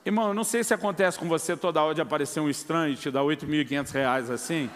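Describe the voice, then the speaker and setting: In a large hall, a middle-aged Brazilian pastor preaches in Brazilian Portuguese with a high-ish voice, talking at a racing pace. He tells a personal testimony as a story, acting out the quoted dialogue and calling his listeners brother.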